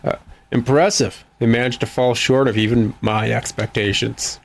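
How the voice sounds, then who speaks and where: A man's voice: mid-range voice, fairly even intonation, moderate pace, creaky. Man doing a haughty, pompous talking artifact. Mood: disdainful. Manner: pompous, imperious declaiming. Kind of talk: video game dialogue read aloud.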